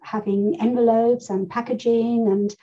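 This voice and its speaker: In a slightly dull, rough recording from a bookish room at home, a middle-aged German podcast co-host rambles through stories with plenty of laughter. Her fairly high voice stays steady, mellow and unhurried.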